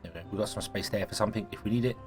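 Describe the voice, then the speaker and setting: A deep-voiced gaming video host races through casual let's-play commentary on a city-building game, thinking aloud, rambling and correcting himself. A cold leaves his voice croaky and sneezy, with soft music faint in the background.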